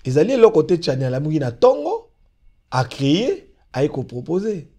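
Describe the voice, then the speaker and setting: On a political talk show, a Congolese guest with a Congolese French accent lays out a law with emphasis, switching between French and Lingala. His voice runs on the high side and mellow, with big pitch swings and a slightly fast pace, and he repeats fillers as he hunts for words.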